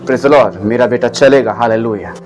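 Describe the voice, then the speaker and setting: A man preaching a sermon, animated, repeating questions for the congregation to answer back. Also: medium pitch, brisk, music in the background. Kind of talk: sermon with call-and-response.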